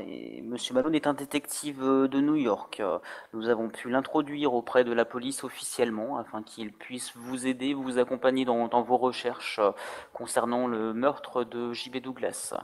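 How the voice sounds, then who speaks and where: A stiff, formal backer of a polar expedition, middle-aged and wealthy, addressing the group with careful, halting official phrasing, as a game master puts him on. His voice sits at an ordinary male pitch. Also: lightly acted. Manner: stiff, hesitant official speech full of fillers. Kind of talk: game master voicing a character.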